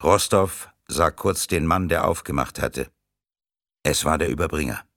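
A man reading a thriller audiobook in a steady, measured narration. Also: rumbling low, no echo, clean studio sound.

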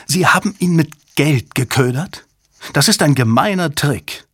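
An indignant young woman snaps out short, accusing questions, as a man raises his voice to play her. The voice sits well above the reader's own, with a husky grain and a dry, close sound. It is audiobook character work. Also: a little high, animated, unhurried, fairly bright tone, no room sound, pitched above the performer's own voice, full character voice. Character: angry young woman, sharp cryptographer.

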